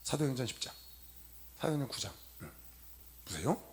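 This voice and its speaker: A middle-aged man preaching a sermon to young people in a convention hall, telling stories with loud stresses and soft asides. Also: mid-range voice, a little fast. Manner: animated storytelling, swinging from loud emphasis to soft asides. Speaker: pastor.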